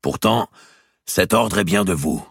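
A man voicing a proud, indignant medieval nobleman in a storybook reading, in a declamatory, forceful manner. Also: low-pitched, animated, unhurried, vocal fry, slightly rough, no echo, clean studio sound, voice pushed up, heavily acted. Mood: accusing.

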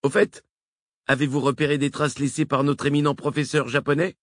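A man reading a novel aloud, voicing an excitable male engineer reporting over the radio. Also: on the high side, a little fast, no room sound, studio quality, pitched above the performer's own voice, lightly acted. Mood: excited.

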